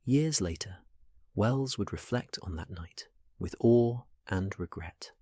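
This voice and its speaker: A man's voice: on the low side, expressive, measured pace, dark tone. A man narrating a documentary in a dramatic, scripted style. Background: music.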